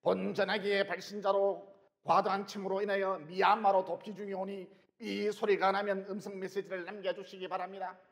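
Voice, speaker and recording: A man preaching a sermon, doing an impression of a flat, formal automated phone message. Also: high-pitched, moderate pace, creaky. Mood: mechanical. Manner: mimicking a robotic phone-message voice. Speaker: pastor. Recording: dull, echoey hall recording.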